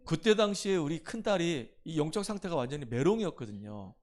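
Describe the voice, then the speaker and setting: High-voiced middle-aged pastor preaching. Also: male voice, lively intonation, fairly quick. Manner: emphatic preaching that drops into soft, intimate storytelling. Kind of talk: sermon.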